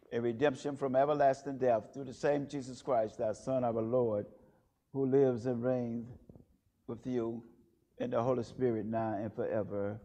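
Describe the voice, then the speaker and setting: A man's voice: mid-range voice, creaky, mellow. Man with a long cathedral echo. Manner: measured, solemn intoning. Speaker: officiant leading a church service. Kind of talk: liturgical prayer and scripture reading. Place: large church. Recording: long echoing church reverb.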